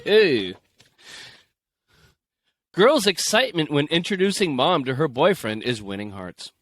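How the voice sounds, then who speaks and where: A man's voice: mid-range voice, a bit bright, dry recording. A man co-hosting a podcast in casual, jokey chat, reading stories aloud and slipping into playful voices. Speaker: podcast co-host.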